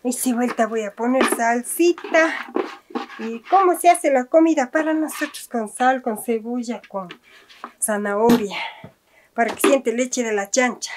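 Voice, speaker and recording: In a small rustic kitchen warmed by a wood fire, a middle-aged woman with an Andean Spanish accent cooks farm-style for her vlog, speaking a little slowly at a fairly high pitch. Her talk to camera is easygoing and homely, rich in affectionate diminutives. Noisy audio with clicking kitchen sounds comes from a handheld camera or phone nearby.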